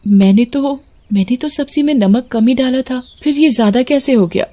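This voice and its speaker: A woman's voice: high voice, normal speed, voice pushed up, lightly acted. A woman doing a meek young daughter-in-law. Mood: worried. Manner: soft, pleading, hesitant.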